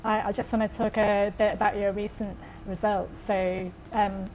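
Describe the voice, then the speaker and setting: A woman's voice: mid-range voice, flat delivery, moderate pace, a little mellow, slight background noise, low-quality recording. A woman hosting a podcast interview, asking friendly questions with small hesitations. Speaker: podcast host. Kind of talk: casual interview.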